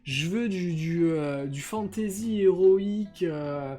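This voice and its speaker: A man's voice: sits high, takes it slowly, warm tone, faint music behind. A young man streaming live, chatting casually and rambling with lots of hesitations and crude slang into a filtered desk microphone. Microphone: desk microphone with noise filters.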